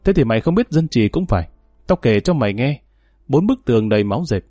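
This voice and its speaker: A man's voice: mid-range voice, big pitch swings, fast, warm tone, no room sound, clean studio sound, faint music behind. A man reading an audiobook, voicing a tough, menacing male gang leader who talks in harsh threats. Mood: calm, lecturing.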